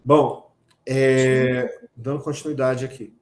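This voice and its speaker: A man with a Brazilian Portuguese accent teaching a lively online grammar class, talking straight to his students with teasing asides. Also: medium pitch, takes it slowly, reverberant.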